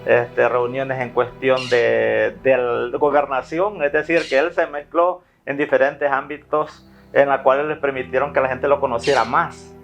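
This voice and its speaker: A man's voice: mid-range voice, level tone, measured pace, creaky, hardly any pauses. A man in a documentary interview, reflectively telling stories about his late father, with frequent fillers. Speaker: interviewee, son of the subject. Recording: dull lo-fi sound with faint music.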